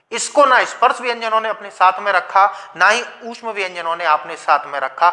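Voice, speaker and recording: A male teacher with a very bright, forceful tone delivers a video grammar lecture. He lays out each point slowly and repeats it. He keeps putting questions to his students and answering them himself. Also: high voice. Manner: slow, patient explaining with repetition.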